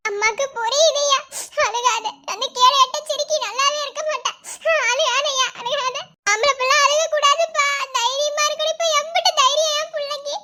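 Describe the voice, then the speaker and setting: A performer voicing a sharp-tongued but loving middle-aged village mother in a cartoon, with a Madurai Tamil accent. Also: very high-pitched, fairly even intonation, moderate pace, noisy background. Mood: tender, consoling. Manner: scolding, sharp-tongued, then tender. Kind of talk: cartoon voice acting.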